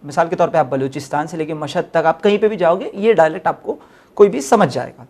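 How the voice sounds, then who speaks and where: A man's voice: fairly high pitch, fast talker, darkish tone. A man teaching Persian in a recorded lecture, explaining step by step, switching into English and repeating his key points. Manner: spells out letters one by one.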